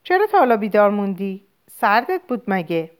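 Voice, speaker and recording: A weary mother, read by a woman narrating an audiobook, questions her daughter in a firm, measured voice. Her pitch still moves animatedly through each question. She sounds strict yet caring. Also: sing-song, close to an everyday voice. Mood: stern. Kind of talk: audiobook character voice.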